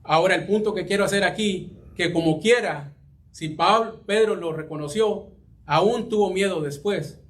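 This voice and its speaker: A man preaching a sermon and reading scripture, speaking haltingly, repeating words as he searches, and addressing the congregation as brothers. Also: high-pitched.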